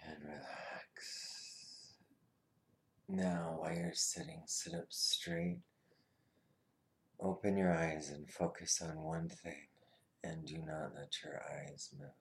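A man leading a guided meditation with slow, soothing instructions, his voice often dropping to a soft whisper. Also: low-pitched, creaky.

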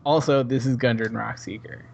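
A man's voice: mid-range voice, steady tone, normal speed, creaky, dull audio, slight background noise. A man talking casually and matter-of-factly as a player in a tabletop game. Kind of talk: casual recap and chat.

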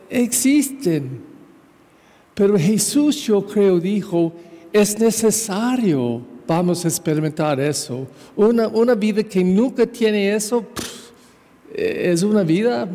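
A parish priest giving a Sunday homily in Spanish as a second language, with an American English accent, halting and full of fillers as he searches for words, acting out the dialogue in his story. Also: sits high, mellow, in a large hall.

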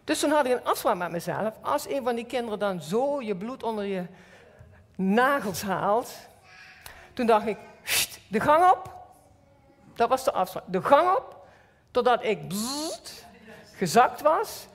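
A woman's voice: fairly high pitch, animated, normal speed. A middle-aged woman with a Limburg Dutch accent, giving a personal church sermon and telling stories with acted inner voices. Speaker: church speaker. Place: church hall. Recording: long hall reverb.

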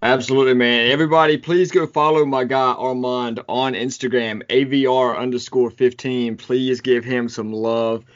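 Friendly American podcast host, lo-fi. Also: male voice, medium pitch, steady tone, normal speed, few pauses. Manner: friendly, says man often. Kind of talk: casual podcast interview. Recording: dull lo-fi sound.

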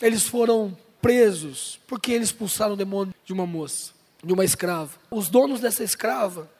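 High-voiced husky pastor in a reverberant hall. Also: male voice, brisk, darkish tone. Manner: playful, jokes with and addresses the congregation. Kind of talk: sermon. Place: church service.

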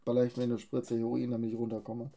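A man, trading crude jokes in casual banter as a podcast co-host, with deadpan, mumbled asides. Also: medium pitch, fast talker, gravelly.

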